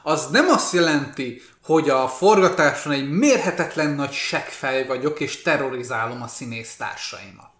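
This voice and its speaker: A man's voice: mid-range voice, expressive, hardly any pauses, a bit bright. A man co-hosting a podcast, chatting casually about films in an emphatic, strongly opinionated way. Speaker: podcast co-host. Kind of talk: casual film chat. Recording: roomy echo.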